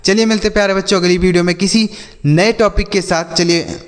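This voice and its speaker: Male phonics teacher, slightly high voice, drills and quizzes kids, long reverb on the recording. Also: fairly even intonation, brisk. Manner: repeats words and quizzes children with call-and-response questions. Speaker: English teacher. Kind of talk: classroom-style phonics lesson.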